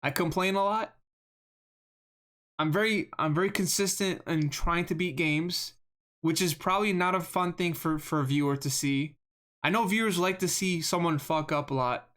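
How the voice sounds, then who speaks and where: Mid-range and moderately paced, the voice belongs to a game streamer giving rambling live commentary. He speaks in a monotone, is self-deprecating, and repeats words a lot.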